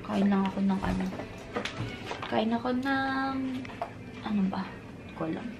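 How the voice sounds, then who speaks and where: Slow-talking woman in her thirties. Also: mid-range voice, vocal fry, over music. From Philippines. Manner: chatty, mixes English into her talk, coos gently to her child. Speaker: family vlogger, mother. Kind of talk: casual vlog chat.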